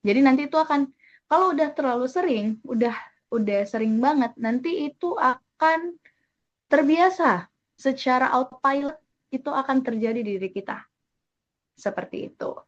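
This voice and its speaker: A woman's voice: sits high, lively intonation, moderate pace, pauses often. Chatty woman teaching over a muffled webinar. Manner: chatty, thanks participants by name. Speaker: webinar trainer.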